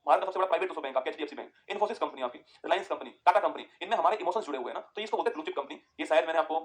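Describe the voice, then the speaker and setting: Male classroom teacher, rapid delivery, slightly high voice, repeats points and dictates notes. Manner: repetitive, keeps checking in with students; dictates notes for students to write down. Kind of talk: exam-prep classroom lecture.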